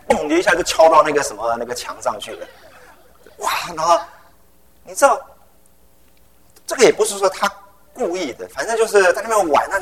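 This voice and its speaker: A middle-aged man preaches a sermon animatedly, mixing English phrases into his speech and telling personal stories filled with vivid sound words. His voice is high and gravelly, and the recording quality is low.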